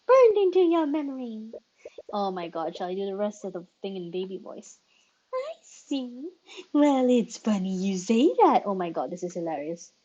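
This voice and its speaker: A woman streamer chatting casually while playing, with quick, giggly, playful asides, over game music. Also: mid-range voice, expressive, warm tone, highs cut off. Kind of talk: casual live-stream gameplay chat.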